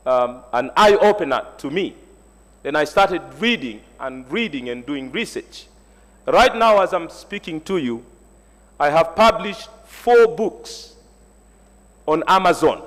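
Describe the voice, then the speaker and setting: At a university symposium, a Swahili-speaking man from Tanzania gives an earnest panel speech, motivational and reflective, built around his own stories. His voice is fairly high and bright. The large hall adds an echoey reverb.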